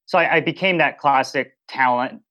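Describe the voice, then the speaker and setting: Laid-back dude from colorado, pro cyclist on a podcast, lots of ums. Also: male voice, mid-range voice, moderate pace, pushed and bright. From Colorado, United States. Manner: easygoing, conversational, with fillers. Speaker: professional cyclist, guest. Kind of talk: casual interview chat.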